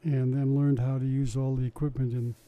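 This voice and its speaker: An older man with a level, mid-range voice talks briskly over narrow, tinny audio. In a casual oral-history interview, he chattily and wryly recalls running science shows, often restarting his sentences.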